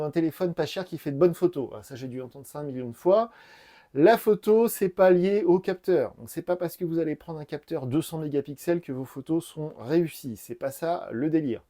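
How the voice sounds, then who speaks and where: A man's voice: fairly high pitch, mellow. A middle-aged man, a former phone salesman, explaining in a casual, chatty way and repeating his key points. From France. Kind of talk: casual buying-guide explainer. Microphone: lapel mic.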